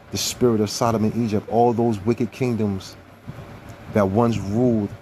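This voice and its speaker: A man's voice: fairly low pitch, background noise. A man giving an earnest sermon-style scripture teaching, emphatic and repeating key phrases.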